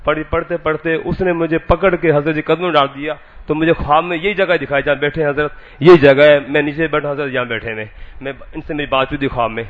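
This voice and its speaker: A man recounts his dreams haltingly, looping back over the same words and restarting phrases. His voice sits a little high for a man. The sound is thin and tinny, like a radio or phone line. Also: steady tone. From Sindh, Pakistan. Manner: repetitive, stumbling, restarts phrases. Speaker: visitor telling his dreams. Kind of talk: halting personal testimony.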